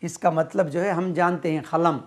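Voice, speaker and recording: A man's voice: a little high, fairly even intonation, slight background noise. A man with a Pakistani accent teaching English vocabulary, repeating each word again and again for pronunciation. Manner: slow, repeats words many times for pronunciation drill. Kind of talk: bilingual vocabulary lesson.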